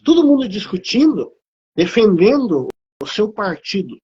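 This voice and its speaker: A man with a high, husky voice tells a heartfelt faith testimony, his pitch climbing whenever he presses a point. His speech has the cadence of preaching. The audio is dull and lo-fi, like a live stream. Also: big pitch swings, measured pace, dark tone. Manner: emotional, preaching rhythm, rising pitch on emphasis. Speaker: guest on a live theology talk. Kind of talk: impassioned testimony.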